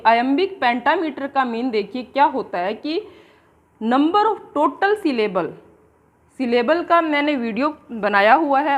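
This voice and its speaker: A woman teacher, giving an exam-prep lecture and slowly dictating definitions, then explaining them in Hindi. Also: on the high side, lo-fi sound.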